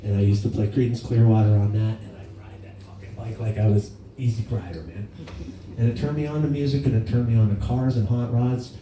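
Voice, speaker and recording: A man's voice: lowish voice, steady tone, fairly quick, a crowd in the background. A man in his fifties giving a eulogy for his father, telling stories in a plainspoken, casual way with some swearing. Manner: storytelling with laughs and acted quotes. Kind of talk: eulogy speech. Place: memorial gathering in a hall. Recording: echoey hall, from far off.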